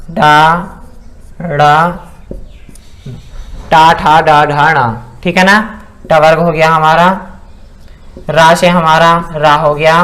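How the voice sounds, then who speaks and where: A man with a high, light voice explains pronunciation as a teacher would. He speaks, sounds out syllables one at a time, and keeps checking that his listeners are following. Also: fairly bright tone. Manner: repeats "ठीक है ना" and sounds out syllables slowly. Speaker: Sanskrit grammar teacher. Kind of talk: spoken lesson explaining pronunciation.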